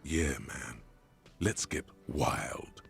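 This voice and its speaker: A male voice actor narrating a video game with a measured, deadpan, dryly wry delivery. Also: very deep voice, vocal fry, soft background music, exaggerated voice.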